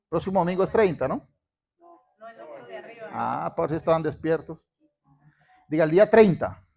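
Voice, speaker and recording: A Colombian man's slightly high, darkish voice fills a church sanctuary as he preaches fervently. Between sermon passages and church announcements, he has the congregation repeat after him.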